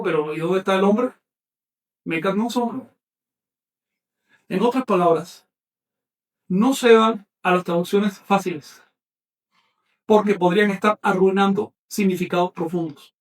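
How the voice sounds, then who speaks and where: High-voiced man teaching a class. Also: far from the mic. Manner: slow, emphatic spelling out of syllables; corrective, insistent. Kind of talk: online class lecture.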